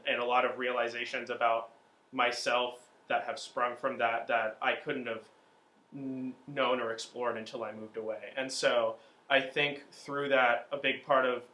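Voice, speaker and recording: A young man in his twenties from Miami, talking in a relaxed interview, reflective and loose with lots of fillers and restarts. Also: medium pitch, roomy sound. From Miami, Florida. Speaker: theatre student and singer-songwriter. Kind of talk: casual sit-down interview.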